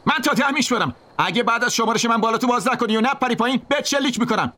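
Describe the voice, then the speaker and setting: A man voicing a cruel teenage boy bully who taunts and yells threats. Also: very high-pitched, voice pushed up. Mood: shouting. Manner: menacing, taunting, yelling.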